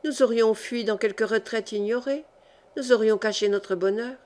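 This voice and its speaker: A woman's voice: on the high side, moderate pace, a little mellow, natural voice. A woman reading the part of a young girl, an emotional and earnest daughter, in an audiobook. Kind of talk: audiobook reading of a historical novel.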